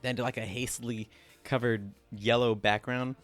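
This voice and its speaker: A man's voice: medium pitch, little pitch movement, normal speed, a bit bright, faint music behind. A young man casually talking through his own drawings as host, rambling and self-critical, with lots of "like" fillers. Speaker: artist and channel host.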